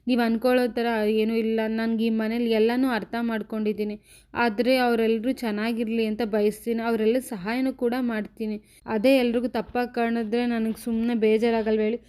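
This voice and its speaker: A woman's voice: on the high side, flat delivery, normal speed, a little mellow, smooth, natural voice. A woman voicing a sensitive young wife who pleads and sounds hurt, as she retells a TV serial. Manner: pleading, hurt, a bit raised.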